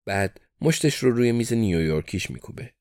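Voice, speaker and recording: Brief: male audiobook narrator, low voice, deadpan delivery, dry close sound. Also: clean tone, no room sound.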